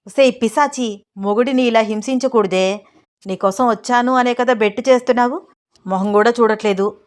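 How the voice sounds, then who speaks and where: A woman's voice: a little high, normal speed, close to an everyday voice. Woman doing a teasing young husband, cocky, cajoling, storybook romance.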